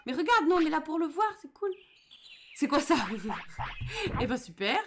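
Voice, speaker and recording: A woman's voice: high-pitched, expressive, moderate pace, noisy background. A young woman with a French accent streaming a video game live, chatting casually and joking while she thanks her viewers. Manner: chatty, jokey, reads chat aloud. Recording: music playing behind the voice.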